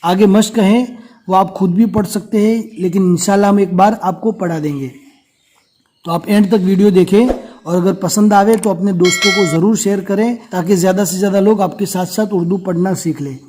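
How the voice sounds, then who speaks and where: A man with a fairly high voice teaches the letters one by one. He talks slowly and patiently and repeats each letter again and again for beginners. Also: steady tone, mellow, a little hiss or hum. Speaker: Urdu reading teacher.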